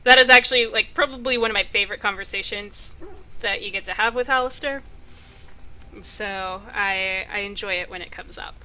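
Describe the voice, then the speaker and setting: Bright-voiced chatty woman playing a game. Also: mid-range voice, normal speed, low-quality recording. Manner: chatty, playful. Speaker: let's player. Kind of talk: casual game commentary, reading dialogue choices aloud.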